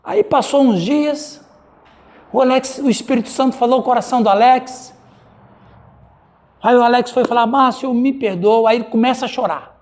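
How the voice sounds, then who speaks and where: A man's voice: very high voice, fairly even intonation, moderate pace, pauses often, a little mellow. A male pastor with a Brazilian Portuguese accent, teaching a Bible study and calling on listeners by name.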